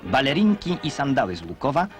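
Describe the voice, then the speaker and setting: A man giving formal, measured scripted narration as an old newsreel voice-over, recorded on a 1960s newsreel soundtrack. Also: medium pitch, huge pitch swings. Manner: formal, measured announcer delivery. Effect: old newsreel voice-over over music.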